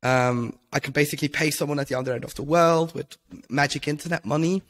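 A young Swiss man, guesting on a podcast, chats casually into a headset mic from a room at home. His voice is on the high side, quick and fairly bright, full of ums and restarts.

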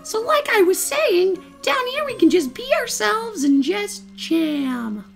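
Video game sunflower bard acted by a woman: bright, cheery, slangy, swooping high voice with some creak. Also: big pitch swings, takes it slowly, soft background music, heavily acted. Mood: chill, encouraging. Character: friendly male sunflower bard, laid-back enthusiastic jam leader. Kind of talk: playful game dialogue read-aloud.

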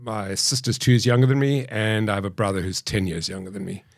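A man's voice: lowish voice, fairly even intonation, no echo, clean studio sound. Reflective South African man in his fifties. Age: 50s. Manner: measured, reflective, many hesitations. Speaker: podcast guest. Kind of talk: candid interview storytelling. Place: dark podcast studio. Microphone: studio boom mic.

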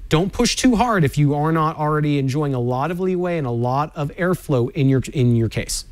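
A man's voice: a little high, animated, brisk. A man explaining how to overclock a graphics card in a cautionary, instructive way. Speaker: tech demo guest explaining overclocking. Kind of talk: explanatory studio segment.

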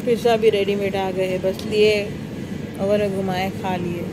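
A woman's voice: medium pitch, little pitch movement, moderate pace. A woman vlogger with an Indian Hindi-Urdu accent, chatting casually about products and prices while walking through a large supermarket, recorded on a phone. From South Asia. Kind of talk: casual walk-through vlog. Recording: phone video with store noise.

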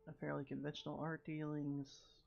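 A man giving relaxed, wry commentary while playing a video game on stream, recorded on a dull lo-fi mic. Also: fairly high pitch, normal speed, creaky, faint music behind. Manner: relaxed, wry asides while reading menus. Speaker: let's play streamer. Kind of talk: casual gameplay commentary.

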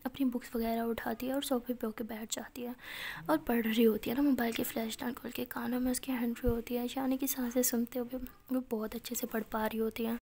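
A woman narrating a love story in a casual, chatty way, often speaking softly, close to a whisper. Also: fairly high pitch, flat delivery, fairly quick.

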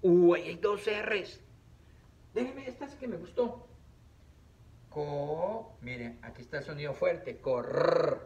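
Animated man teaching children slowly. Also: high voice. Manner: slow, drawn-out syllables, playful and animated. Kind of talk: children's reading lesson on camera. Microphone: camera.

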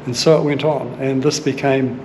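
A man in his fifties with a New Zealand accent, talking earnestly and thoughtfully in a museum and archive, pausing to pick his words. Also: medium pitch, steady tone, noisy background. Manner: earnest, measured, with thoughtful pauses and fillers. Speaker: sailing vlogger recounting family history. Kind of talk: casual explanation on camera. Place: indoor archive room and museum hall. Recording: music bed underneath.

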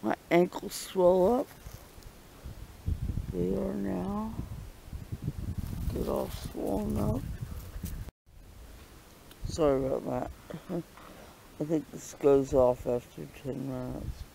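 A man with a raspy voice and a stuffy nose, vlogging casually from a wooded hilltop farm, rambling and halting with frequent ums and self-mocking asides. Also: high-pitched, fairly even intonation, noisy background. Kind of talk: casual outdoor vlog. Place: hilltop farm in the woods, outdoors.

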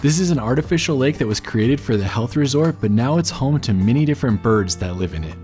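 A man's voice: mid-range voice, lively intonation, a little fast, darkish tone, soft background music. Upbeat man narrating a travel vlog. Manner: upbeat, informative, laughs easily. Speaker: travel vlogger. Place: outdoors in the desert, on foot. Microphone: camera held at arm's length.

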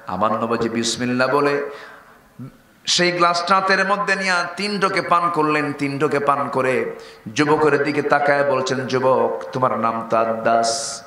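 An Islamic preacher from Bangladesh delivers a fiery, rousing sermon at a moderate pace, climbing to high shouted peaks and calling on the crowd to answer him before slipping into chanting. The recording has an echoey public-address sound with faint noise.

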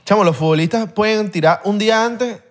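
A man's voice: high voice, brisk. A man from Valencia, Venezuela, co-hosting a podcast with laid-back, curious questions. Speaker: podcast co-host. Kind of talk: casual podcast chat.

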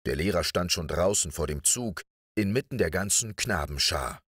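Male audiobook narrator, deep, calm bedtime reading, very dry. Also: slightly rough, no echo. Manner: measured, calm.

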